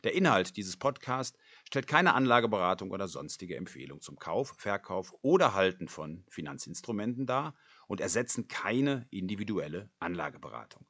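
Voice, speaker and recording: A man's voice: on the low side, very animated, moderate pace, a bit bright. A man reading out a scripted legal disclaimer in a formal, fine-print manner. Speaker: disclaimer announcer.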